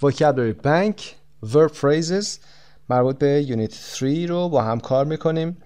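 A man teaching an English textbook lesson, explaining quickly and then saying the example phrases slowly and clearly. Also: a little high, animated, dark tone. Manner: switches between quick explanations and slow, stretched-out example phrases.

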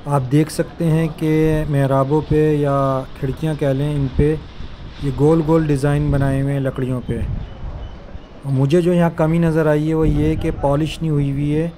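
A man, narrating a travel vlog with measured, admiring commentary. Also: on the high side, little pitch movement, warm tone, slight background noise. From Pakistan. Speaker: travel vlogger.

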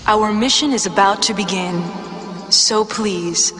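A woman's voice: mid-range voice, slow. Woman's announcement over a cabin intercom. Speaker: flight announcer. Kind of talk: scripted boarding announcement. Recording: far off with long hall reverb over loud music.

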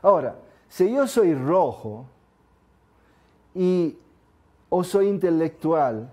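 A man's voice: fairly high pitch, slow. Man lecturing with rhetorical questions. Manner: lively, asks the audience rhetorical questions; acts out examples with small voices. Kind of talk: live lecture to an audience.

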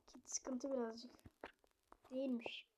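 High-voiced young woman narrating gameplay. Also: level tone, takes it slowly, highs cut off, very noisy. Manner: chatty, swings between muttering and loud outbursts at opponents. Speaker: gamer streamer. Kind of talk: casual gameplay commentary.

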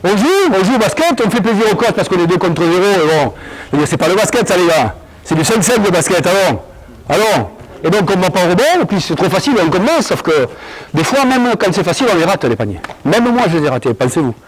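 A man coaching a basketball drill in an indoor gym, calling out commands and explaining moves in an animated, commanding way. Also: sits high, fast, slight background noise, low-quality recording. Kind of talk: on-court coaching demonstration.

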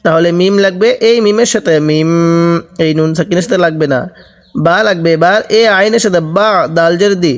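High-voiced man spelling out recitation. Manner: spells each letter and vowel aloud, then chants the word slowly. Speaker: Quran reading teacher. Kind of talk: slow spelled-out recitation lesson. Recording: long reverb, roomy sound.

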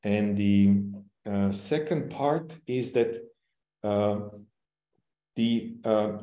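A middle-aged technical expert presents a webinar over a roomy, echoing webcam call, explaining things informally but haltingly as he searches for words. Not a native English speaker, he comes from a non-English-speaking country and has lived in Canada a long time. His voice is medium-pitched and mellow.

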